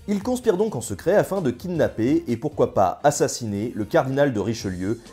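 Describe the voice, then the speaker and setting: A man's voice: medium pitch, dark tone, breathy edge. A man presenting a history video in scripted but casual narration, ironic and jokey, with colloquial asides.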